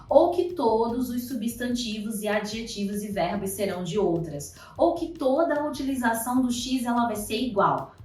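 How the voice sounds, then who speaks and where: A woman's voice: a little high, distant mic. Chatty Brazilian woman teaching Portuguese. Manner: lively, chatty, drawing out example words slowly. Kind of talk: online language lesson. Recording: echoey room, voice off-mic, faint music.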